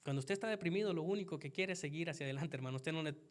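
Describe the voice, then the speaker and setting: A man with a fairly high, rapid-fire voice preaches earnestly, speaking directly to the congregation and calling listeners "hermano." He swings between quiet asides and loud emphasis.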